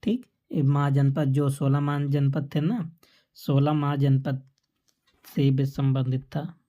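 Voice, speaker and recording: A woman teaches an exam-prep lesson, posing questions to listeners, answering them herself, and repeating the key facts to memorize. Her voice is very deep, level, slow and mellow.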